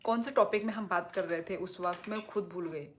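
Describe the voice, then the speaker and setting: A woman's voice: lowish voice, a little fast, a little hiss or hum. A young woman from Tripura, a native Kokborok speaker, chatting casually on a phone livestream, eating and answering viewer comments in a playful, talkative way. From Tripura, northeast India. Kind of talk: casual live chat, reading viewer comments.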